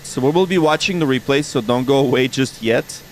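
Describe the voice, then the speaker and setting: Guy casually commentating a flight sim stream, chatty, mid-pitched, faint rumble behind. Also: fairly quick. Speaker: flight simulator streamer playing pilot.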